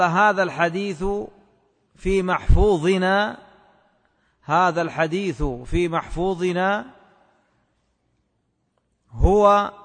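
A man teaching a class on a classical text in a measured, scholarly way, repeating phrases slowly as if for dictation. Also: sits high, a bit bright, big-room sound. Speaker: teacher of hadith commentary.

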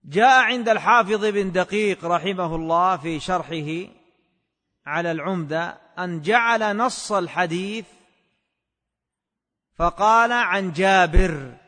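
A man teaching a class on a classical text in a measured, scholarly way, repeating phrases slowly as if for dictation. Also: sits high, sharp tone, in a large hall. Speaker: teacher of hadith commentary.

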